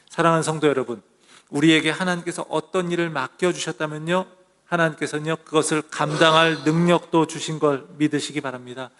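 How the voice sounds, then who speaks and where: A man's voice: a little high, a bit bright, in a large hall. A man preaching a sermon as pastor of a church, asking the congregation questions and then answering them. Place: church sanctuary.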